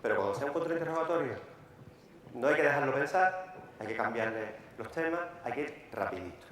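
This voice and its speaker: A man with a Peninsular Spanish accent, a lawyer giving a live workshop lecture, talking briskly and repeating key words for emphasis. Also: medium pitch, animated, a bit bright. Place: large conference hall. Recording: echoey hall, faint room noise.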